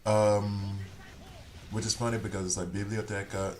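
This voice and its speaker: Here the Swiss gaming streamer, whose first language isn't German, keeps up a chatty, rambling conversation with viewers and reads out the chat. He has a lowish voice with a level tone and a moderate pace.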